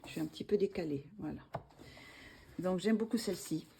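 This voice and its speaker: A low-pitched woman with a warm, mellow tone talks through her favorite coloring pages at home. She hesitates often, restarting sentences and filling gaps with little pauses. A faint hiss sits under the recording. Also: creaky. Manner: hesitant, many fillers and restarts. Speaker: coloring channel host. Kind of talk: casual show-and-tell vlog.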